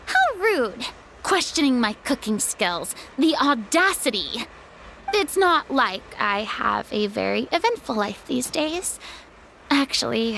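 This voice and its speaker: A proud former goddess and retired stage diva for a video game. Her voice is high with some creak at the edges, and her phrasing is grand, formal and easily indignant. Light music plays behind her. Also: a bit bright, a little hiss or hum, exaggerated voice, rough recording. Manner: theatrical, haughty, indignant, formal wording. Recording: background music under clean studio dialogue.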